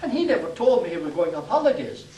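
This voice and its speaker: A man's voice: high voice, big pitch swings, quick pace, warm tone, a little hiss or hum, voice pushed down. An Irish man voicing a nosy, indignant older village barber in a comic story. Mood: aggrieved. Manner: prying and aggrieved. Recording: echoey room from far off.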